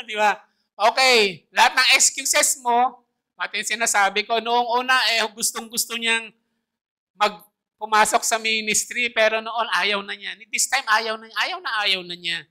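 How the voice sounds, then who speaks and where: Bright, lively woman preaching in church. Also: a little high, a little slow. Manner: animated, chatty preaching with laughs and rhetorical questions. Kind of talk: sermon.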